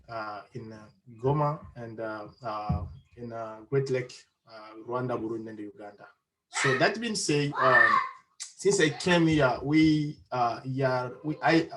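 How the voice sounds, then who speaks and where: Halting man. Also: medium pitch, rough recording. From Democratic Republic of Congo. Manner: halting, earnest, many pauses and restarts. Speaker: panelist, refugee advocate. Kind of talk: panel discussion answer.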